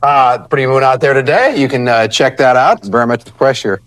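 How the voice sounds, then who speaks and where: A male TV weather presenter delivering a live report haltingly, trying not to laugh and chuckling through his words. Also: medium pitch, lively intonation, fairly bright tone, no room sound.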